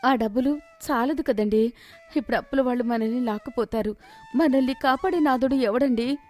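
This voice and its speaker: A woman voicing a shrewd village housewife who scolds, complains and wails in an animated story. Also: on the high side, moderate pace, faint music behind, natural voice. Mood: wailing. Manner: scolding, then loud theatrical wailing.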